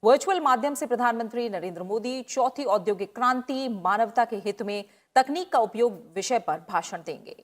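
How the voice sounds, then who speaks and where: A woman news anchor reading headlines in a steady, measured delivery. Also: fairly high pitch.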